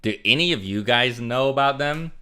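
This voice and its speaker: A man's voice: medium pitch, animated, normal speed, sharp tone, clean tone. A young man streamer casually chatting and answering donations, rambling with lots of fillers. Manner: rambling, filler-heavy, frequent "like" and "um". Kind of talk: casual livestream chat reading donations.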